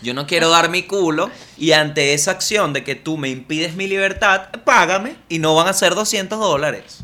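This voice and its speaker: A man's voice: a little high, moderate pace, sharp tone. A man with a Venezuelan accent, co-hosting a podcast in casual, crude, teasing chat full of slang. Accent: Venezuelan Spanish. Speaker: podcast co-host.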